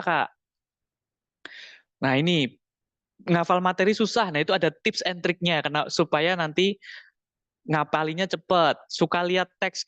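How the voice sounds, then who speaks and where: A man's voice: fairly high pitch, fairly bright tone, dry recording. Man coaching public speaking in a webinar. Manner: explains with examples and reads out audience chat comments; sprinkles English terms into his talk. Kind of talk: online webinar lecture.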